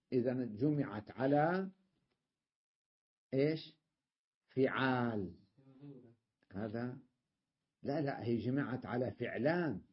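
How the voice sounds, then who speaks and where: A man's voice: mid-range voice, husky, muffled recording. A man teaching a grammar class, explaining step by step and often checking that his students follow. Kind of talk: classroom lesson.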